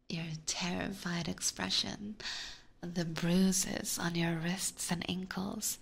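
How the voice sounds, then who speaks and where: In this ASMR roleplay, a woman voices a predatory vampire who is haughty and teasing, her pitch fairly low and her tone creaky and slightly rough. The delivery is exaggerated, a breathy whisper right up against a binaural mic, with formal and condescending wording.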